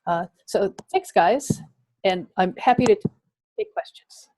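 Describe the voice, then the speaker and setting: A woman's voice: mid-range voice, lively intonation, unhurried, a little mellow, no echo. A woman presenting slides in an education webinar, explaining with frequent ums and uhs.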